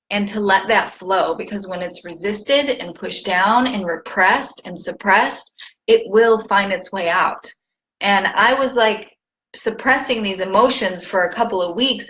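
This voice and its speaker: A wellness coach in a relaxed live stream, a woman with a mid-range voice who wanders through a personal story and stops to greet people in the chat. Her delivery is open and conversational. The sound is muffled and lo-fi. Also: medium pitch, a little hiss or hum. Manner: chatty, rambling, reads viewer comments aloud.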